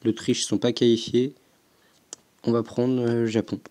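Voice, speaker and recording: Young man, casual gaming commentary, slow, hesitant, thinking aloud, mellow low voice. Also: level tone. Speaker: gaming YouTuber.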